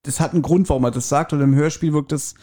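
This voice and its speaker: Man, co-host, casual recap chatter, a bit high-pitched. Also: fairly even intonation, fast, dark tone. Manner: retells scenes, slipping into quoted lines. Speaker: podcast co-host. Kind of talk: casual chat about a radio play.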